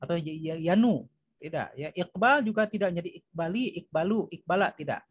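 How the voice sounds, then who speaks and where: An Indonesian man teaching Arabic grammar, repeating each term and filling pauses with "ya" and "nah". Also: a little high, lively intonation, husky, dry recording, low-quality recording. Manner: repeats terms, fills with "ya" and "nah". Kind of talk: recorded grammar lesson.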